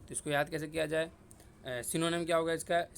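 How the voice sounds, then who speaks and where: A man's voice: fairly high pitch, fairly even intonation, brisk, creaky, a little hiss or hum. A young man teaching an exam-prep vocabulary lesson, repeating each word and quizzing himself aloud. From India. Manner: repetitive, drilling words and asking himself questions. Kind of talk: casual Hindi vocabulary lesson with memory tricks.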